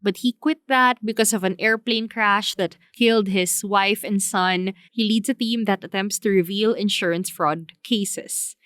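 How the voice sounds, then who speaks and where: Smooth-voiced woman podcaster, chatty and informal. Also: mid-range voice, fairly even intonation, a little slow, hardly any pauses, a bit bright, no echo. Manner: chatty, informal, addresses listeners directly. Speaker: podcast host. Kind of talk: casual solo drama review.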